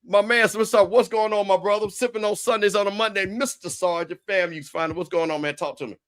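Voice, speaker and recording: A man's voice: sits high, fast talker, fairly bright tone, smooth. A man hosting a casual sports talk show, brash and scolding as he corrects his listeners. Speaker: show host.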